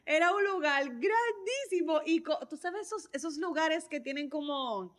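A woman's voice: high-pitched, animated, normal speed. A woman co-hosting a casual faith podcast, telling an embarrassing story with lots of laughter and imitations of other people. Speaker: podcast co-host. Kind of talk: casual storytelling among friends.

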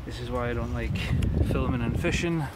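A man filming himself fishing from a harbour jetty on his phone, giving relaxed, matter-of-fact running commentary as he thinks aloud. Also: mid-range voice, a little fast. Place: outdoors on a wooden harbour jetty by the water. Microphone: phone camera held by the speaker. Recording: loud wind noise on a phone mic. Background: wind and water.

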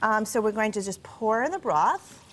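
A woman's voice: mid-range voice, lively intonation, moderate pace, a bit bright, a little hiss or hum. A middle-aged woman cooking instructor walking through a recipe step by step on a TV studio kitchen set, friendly and explanatory. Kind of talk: cooking demonstration on a TV show.

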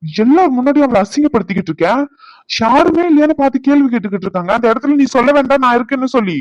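A man's voice: very high voice, lively intonation, racing, a little mellow, no echo, highs cut off. A man voicing an indignant young man. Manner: indignant, lecturing. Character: angry young man defending the bride. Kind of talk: cartoon voice acting.

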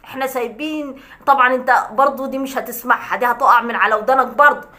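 Sarcastic fast-talking Egyptian woman. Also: a little high, steady tone, sharp tone. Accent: Egyptian Arabic. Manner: sarcastic, scolding, laughing scornfully. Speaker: vlogger replying to a critic. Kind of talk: mocking rant to camera.

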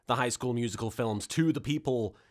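A man in his thirties who hosts an episode recap and reaction series gives a playful, sarcastic comedy recap to camera in a theatrical way. His voice is medium in pitch and fairly quick.

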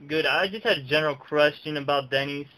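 A young adult man makes casual prank phone calls, slangy and mock-earnest, recorded on a webcam in a small room. He talks fast in a fairly high voice, and background noise is present.

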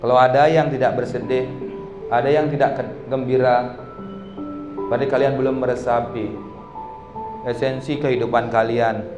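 Man coaxing slowly in an echoey hall. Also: mid-range voice, fairly even intonation, muffled recording. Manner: slow, coaxing, repeated commands. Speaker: religious speaker at a school. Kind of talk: guided emotional reflection talk. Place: school gathering. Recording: echoey hall with instrumental music.

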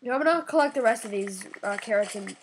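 A woman's voice: fairly high pitch, lively intonation, fast, slight background noise, rough recording. A woman in casual, playfully argumentative banter while playing a video game. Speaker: gaming video player.

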